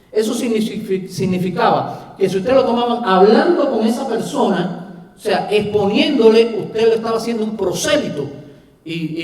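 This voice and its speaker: Cuban-accented male preacher, conversational sermon, high-pitched, booming church echo. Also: a little mellow. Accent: Cuban Spanish. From Cuba. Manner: conversational, with asides and rhetorical questions. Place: church hall. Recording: echoey hall from far off.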